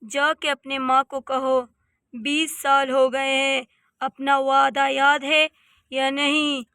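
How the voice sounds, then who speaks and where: A woman voicing a stern male tree spirit who gives slow, low commands in a cartoon story. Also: little pitch movement, bright, forceful tone, dry recording, clean studio sound, heavily acted. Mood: commanding.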